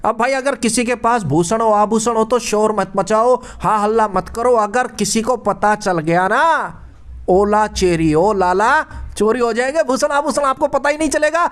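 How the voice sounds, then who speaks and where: Male quiz teacher, high voice, casual exam-prep patter full of puns and repetition. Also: unhurried, a bit bright, smooth. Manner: playful punning, chatty repetition.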